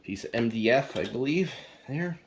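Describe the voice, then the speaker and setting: A man's voice: medium pitch, lively intonation, normal speed, slight background noise. A man giving casual unboxing commentary, rambling and unsure, thinking aloud with fillers as he moves around his home, sometimes drifting away from the camera mic. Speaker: product reviewer.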